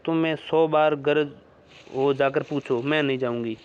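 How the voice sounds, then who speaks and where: A man's voice: a little high, steady tone, moderate pace, a little mellow, clean tone, natural voice. A man voicing a scornful, taunting young village wife in a read-aloud story. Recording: dull lo-fi recording.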